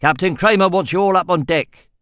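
A man voicing a gruff, threatening male first mate who barks orders. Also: high-pitched, fairly quick, a bit bright, dry recording, clean studio sound, voice pushed up. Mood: barking. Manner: barking orders.

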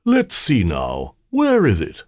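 A man's voice: mid-range voice, wildly swooping pitch, takes it slowly, darkish tone, no echo, studio quality, voice pushed up. A man voicing a cocky male trickster spirit who taunts with a theatrical, mocking delivery. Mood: taunting.

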